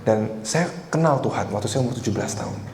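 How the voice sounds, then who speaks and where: A preacher in his twenties talks quickly and with animation, his medium-pitched voice carrying a darkish tone. Between parts of a personal story, he often addresses the congregation in this conversational sermon. Faint noise and echo come from the church hall where it was recorded.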